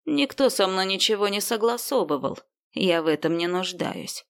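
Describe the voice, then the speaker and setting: A woman's voice: medium pitch, lively intonation, gravelly. A woman voicing a smug, wealthy man who speaks in a condescending, smirking way. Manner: condescending, slow smirking delivery.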